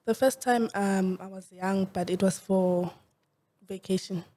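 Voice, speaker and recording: A woman's voice: mid-range voice, fairly even intonation, measured pace, mellow, a little hiss or hum. A young South African woman, a football player, answering interview questions in a shy, hesitant way.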